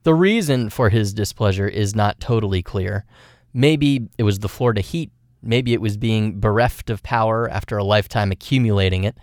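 A man's voice: lowish voice, a little mellow, no room sound, studio quality. A man narrating a scripted radio news feature as a reporter.

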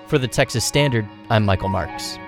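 A man's voice: on the low side, moderate pace, creaky, over music. A man narrating a scripted radio news feature as a reporter.

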